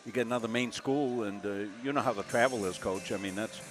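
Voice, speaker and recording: A man's voice: lowish voice, brisk. A man in his sixties from Massachusetts, calling a college basketball game courtside in a folksy, rambling way with lots of filler words. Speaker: play-by-play announcer. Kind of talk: live basketball commentary. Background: music.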